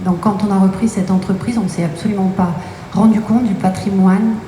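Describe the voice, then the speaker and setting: Speaking briskly in a dark-toned, mid-range voice, this Breton woman co-owns a company and is answering interview questions. Her intonation stays fairly even as she explains, hesitating frequently, while faint music and noise sit behind her in an echoing room.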